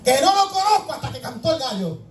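A man's voice: very high voice, big pitch swings, fast. A male pastor preaching a fervent sermon, repeatedly calling out "glory to the Lord" and "beloved brother" and asking the congregation rhetorical questions. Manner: repeats "gloria al Señor" and "amado hermano" as fillers. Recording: echoey room, distant mic, faint music.

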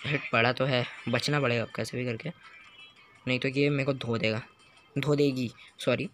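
A man giving live commentary over his mobile game, excitable, groaning and shouting at what happens on screen. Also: mid-range voice, normal speed, slight background noise. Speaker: gaming YouTuber.

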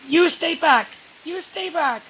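A man's voice: extremely high pitch, lively intonation, slow pace, a bit bright, slight background noise, voice pushed up, exaggerated voice, rough recording. A man voicing a frantic, terrified young woman in a ghost story, pleading shrilly in panic.

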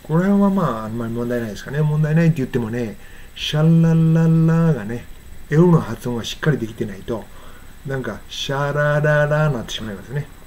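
A man with a Japanese accent teaching English pronunciation in a casual spoken lesson, explaining and then saying phrases very slowly. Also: fairly high pitch, lively intonation, darkish tone. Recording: faint background noise.

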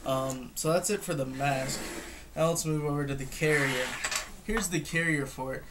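Here a young adult man with a fairly high pitch talks at normal speed through an off-the-cuff gear review. It's casual, hesitant and matter-of-fact, recorded indoors at home by a camera across a table. The recording is clearly noisy and has clicks.

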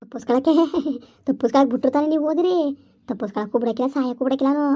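A woman's voice: high voice, rapid-fire, mellow, pitched below the performer's own voice. A woman voicing a grim female ghost trapped in a bungalow who gives blunt, urgent warnings. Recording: dull lo-fi recording.

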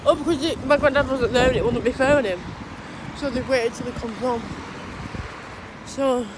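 This is a phone recording of a young woman walking dogs outdoors, traffic rumbling nearby, the phone held low at arm's length. Sick with a cold, sore-throated and runny-nosed, she speaks at a moderate pace in a voice that sits high but sounds thick and blocked. Her vlog update wanders, full of false starts and fillers.

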